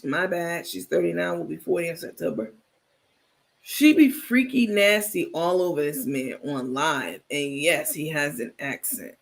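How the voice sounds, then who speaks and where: Male livestream host, high pitch with a gravelly texture, blunt and animated gossip talk. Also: a little slow. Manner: animated, talkative, blunt, laughs often. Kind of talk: casual live gossip commentary, reacting to viewer chat.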